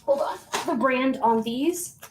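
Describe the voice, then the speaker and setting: Woman, casual live-stream seller, slightly high pitch, rambling, fillers and self-corrections. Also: slow pace, background noise.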